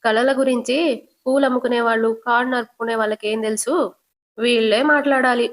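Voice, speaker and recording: A woman's voice: fairly high pitch, fairly even intonation, fairly quick, lightly acted. A woman voicing a snobbish, dismissive young man in a retold TV serial, sneering.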